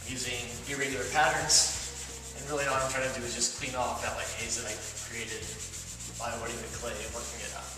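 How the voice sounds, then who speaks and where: A man demonstrating wall repair techniques step by step, explaining in a relaxed way with frequent fillers. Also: medium pitch, brisk. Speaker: plaster instructor. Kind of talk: instructional demonstration. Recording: roomy echo, voice from a distance, faint music.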